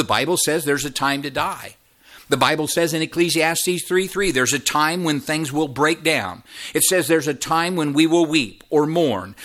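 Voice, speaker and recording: A man in his fifties preaching a sermon as a pastor, with his voice sweeping up and dropping low. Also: a bit bright. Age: 50s. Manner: preaching with sweeping rises and drops in voice.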